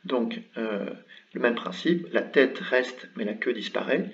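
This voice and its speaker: Man, mid-pitched, patient teacher walking through a lesson with lots of "euh", slightly dull lo-fi sound. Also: lively intonation, unhurried, distant mic. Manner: patient, explains step by step with many fillers. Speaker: Arabic script teacher. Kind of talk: online language lesson.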